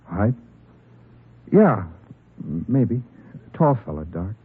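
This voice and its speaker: An actor playing a nervous, evasive morphine addict in a 1940s radio crime drama, stammering and repeating himself defensively in a husky voice. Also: male voice, on the low side, big pitch swings, slow, heavily acted. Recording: narrow, tinny 1940s radio recording.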